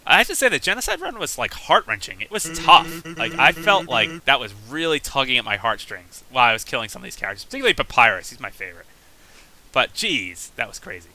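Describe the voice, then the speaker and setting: Excitable man commenting on his gameplay. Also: medium pitch, fast talker, low-quality recording. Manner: excitable, reacting aloud and laughing. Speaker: let's play gamer.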